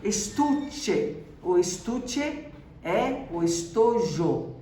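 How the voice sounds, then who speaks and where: A woman's voice: mid-range voice, very animated, very slow, mellow. A Brazilian woman teaching a school lesson, explaining each word patiently and checking in with the class after every point. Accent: Brazilian Portuguese. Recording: roomy echo, voice from a distance, faint background noise.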